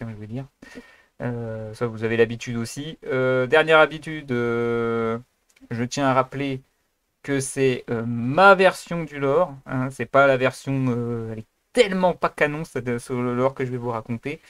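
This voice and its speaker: A man's voice: mid-range voice, smooth, no room sound. A man hosting his own video channel, giving a casual, improvised introduction. He rambles, apologizes for himself and hesitates often. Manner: rambling and self-deprecating, many hesitations. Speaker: YouTube host.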